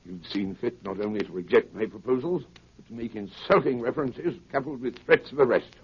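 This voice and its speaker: An actor playing a cold, commanding criminal professor in a formal, threatening manner, in 1930s radio style. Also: male voice, mid-range voice, brisk, lightly acted. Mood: menacing. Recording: muffled, crackly 1930s radio recording.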